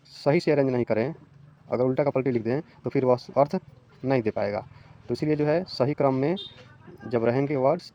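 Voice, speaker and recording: A man teaching an English grammar lesson in Hindi, reading English definitions slowly, then explaining quickly and repeating example words. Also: medium pitch, dark tone. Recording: slightly dull lo-fi recording.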